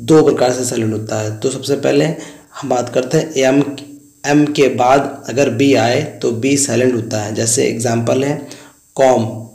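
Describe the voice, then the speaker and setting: A man's voice: medium pitch, darkish tone, echoey room. A man teaching an English lesson in Hindi, spelling words letter by letter and saying "guys" often.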